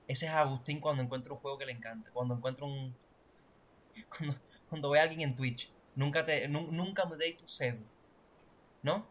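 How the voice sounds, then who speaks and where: A man's voice: fairly high pitch, moderate pace, pauses often, a little hiss or hum. A man teaching a language class online, explaining grammar and often checking that students follow. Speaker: Portuguese teacher.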